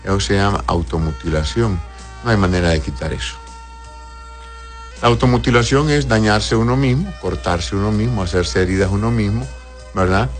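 A man's voice: lowish voice, moderate pace, soft background music. A man who is a doctor, reading out viewers' questions and answering them with plain advice, often adding a questioning "right?" at the end. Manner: plain advisory tone, tags "¿verdad?".

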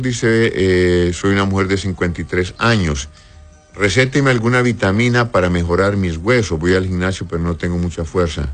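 On a medical advice show, a host with a very low voice reads listener messages aloud and responds directly, explaining matters plainly. He frequently checks in with a short tag question, and faint music plays in the background.

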